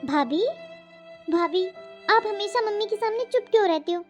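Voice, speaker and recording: A woman's voice: extremely high pitch, normal speed, faint music behind. A woman voicing an outspoken, spirited young unmarried daughter in a cartoon, arguing and protesting. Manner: protesting, argumentative. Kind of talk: cartoon voice acting. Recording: dull lo-fi audio.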